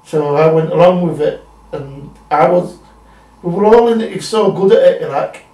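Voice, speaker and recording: A man's voice: on the high side, normal speed, warm tone. A man speaking as a guest in a casual interview, hesitant and rambling, repeating himself. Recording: roomy, distant mic.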